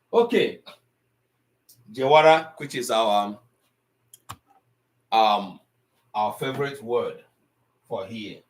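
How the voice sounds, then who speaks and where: A middle-aged man with a medium-pitched voice teaches an Igbo language class online, heard through a rough recording. His lecturing is conversational and mixes English and Igbo.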